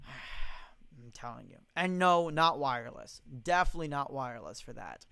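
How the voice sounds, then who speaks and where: A man's voice: mid-range voice, animated, moderate pace, creaky, sharp tone, smooth, no echo. A young man hosting a casual live Q&A stream, reading out viewer comments and answering them bluntly, with plenty of swearing and strong opinions. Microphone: studio condenser mic.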